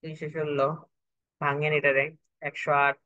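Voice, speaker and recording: A man's voice: on the high side, monotone, moderate pace, bright, forceful tone, no echo, dull audio. A young man tutoring a math lesson step by step, patient and repetitive, often checking that his students understand.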